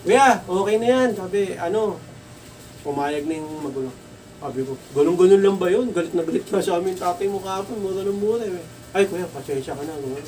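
A Filipino man who runs a computer shop, casually telling a story and acting out the dialogue in a raised voice. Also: high voice. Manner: animated, acts out dialogue in raised voice. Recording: distant mic with faint background noise.

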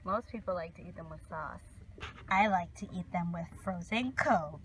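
A woman's voice: fairly low pitch, moderate pace. A woman in her twenties chatting casually and playfully to a phone held at arm's length. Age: 20s. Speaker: vlogger. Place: small indoor rooms and parked car. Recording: noisy handheld phone recording.

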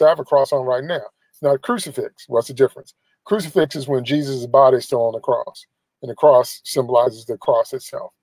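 A man's voice: mid-range voice, a little mellow, no room sound, poor audio. A middle-aged man preaching a live-streamed sermon from inside a car into a phone held at arm's length, emphatic and repeating phrases for emphasis. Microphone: phone camera at arm's length.

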